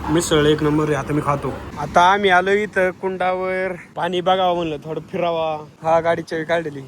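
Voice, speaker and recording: With a noisy background, a man speaks at a moderate pace in a fairly even voice that sits on the high side. He's vlogging outdoors at a farm and village, recording on a handheld phone and casually addressing viewers.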